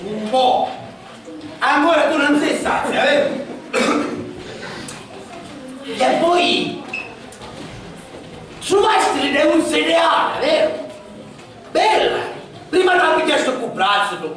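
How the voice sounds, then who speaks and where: A lead actor in an amateur stage comedy, with a Sicilian accent and loud, exasperated comic banter. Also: sits high, animated, slow, pauses often, exaggerated voice. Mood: mocking. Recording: echoey hall, taped from far off. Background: laughing audience in a large hall.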